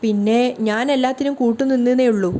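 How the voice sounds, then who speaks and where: Woman doing a sly nervous cheat, stammers and dodges, soft mellow tone. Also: on the high side, fairly even intonation, brisk, close to an everyday voice. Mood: evasive. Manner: stammering, evasive. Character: nervous sly cheating young man, Manohar.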